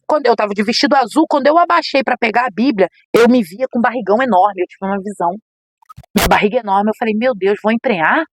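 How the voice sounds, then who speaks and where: A middle-aged woman, a podcast guest and missionary preacher, telling an emotional personal testimony with animated storytelling. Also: fairly high pitch, quick pace, no echo. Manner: animated storytelling, acts out quoted voices.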